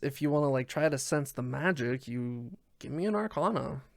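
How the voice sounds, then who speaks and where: A man's voice: medium pitch, lively intonation, moderate pace, vocal fry, no echo, studio quality. A man running a tabletop game as dungeon master, narrating loosely with many fillers.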